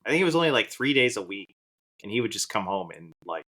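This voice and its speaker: A man's voice: fairly low pitch, big pitch swings, quick pace, bright, forceful tone. A man co-hosting a casual podcast chat, telling stories and joking with the others. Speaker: podcast co-host.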